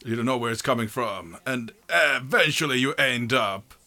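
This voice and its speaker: A man's voice: mid-range voice, normal speed, sharp tone. A man narrating a tabletop game casually as game master, informal and joking, with sweary asides.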